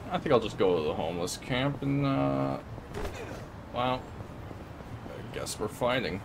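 A man's voice: medium pitch, expressive, a little slow, noisy background. A man giving casual gameplay commentary as the host of a gaming video. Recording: music clearly behind the voice. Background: video game music.

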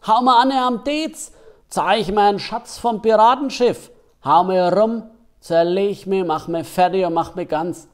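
A man's voice: high-pitched, unhurried, voice pushed up. A man with a Franconian accent voicing a lonely, melancholy little plum-figure toy who pleads wistfully to be played with.

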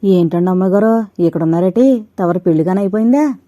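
A chatty village maid who talks loudly in rustic speech, as a woman reading a story puts her on. The voice is dark and mellow and close to the mic. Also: on the low side, steady tone, brisk, no room sound, natural voice. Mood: surprised.

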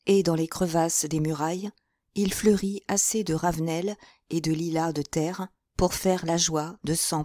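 A woman narrating a classic novel as an audiobook in a measured, clear way. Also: fairly low pitch, darkish tone, no echo, studio quality.

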